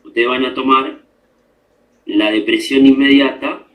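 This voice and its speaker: A man's voice: medium pitch, steady tone, a little slow, fairly bright tone. Echoey male instructor lecturing a class. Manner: explanatory, checks understanding with frequent tag questions. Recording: echoey room.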